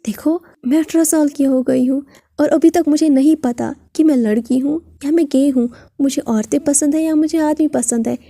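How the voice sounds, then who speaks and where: A woman voicing a shy, innocent eighteen-year-old girl who speaks hesitantly, with many pauses. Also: sits high, mellow, dry recording, clean studio sound. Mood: shy pleading.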